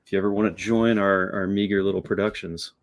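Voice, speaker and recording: A man hosting a casual chat, reflective and hesitant, often pausing with fillers. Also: sits low, flat delivery. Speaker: host.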